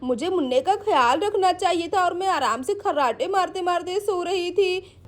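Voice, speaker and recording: Casting: woman playing a drowsy, easygoing sister-in-law, high voice, doll play story. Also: animated, normal speed. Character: sister-in-law, sleepy and apologetic.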